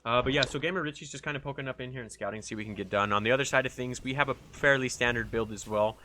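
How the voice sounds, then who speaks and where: A man's voice: medium pitch, rapid-fire, background noise. A man casting a live strategy game match in a loose, chatty way, swearing freely. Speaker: esports caster. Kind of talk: casual live game commentary.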